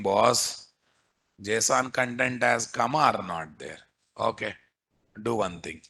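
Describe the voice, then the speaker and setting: Telugu accent guy teaching programming, slow pace, raspy creaky voice, keeps asking the students stuff. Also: mid-range voice, bright, forceful tone. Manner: repeats himself, peppers students with questions. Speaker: programming instructor. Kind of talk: live coding lesson to students.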